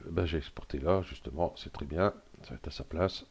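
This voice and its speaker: Deep-voiced guy, kinda hoarse, umming through a software tutorial step by step. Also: fairly quick, highs cut off. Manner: hesitant, thinking aloud with many fillers. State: frog in his throat. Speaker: tutorial presenter. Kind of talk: screen-recorded software tutorial.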